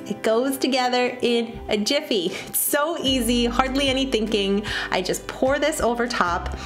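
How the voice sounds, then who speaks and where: Here a cooking channel host, a woman in her thirties from the Midwest, chats cheerfully through a recipe at a moderate pace. Her voice is fairly high, and the voice-over is recorded beneath loud background music.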